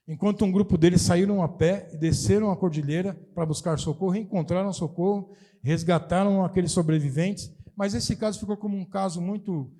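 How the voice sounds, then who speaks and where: A middle-aged Brazilian pastor preaches in a notably high voice. He explains the text emphatically and comes back to key phrases again and again. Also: fairly quick, dark tone. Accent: Brazilian Portuguese. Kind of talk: sermon.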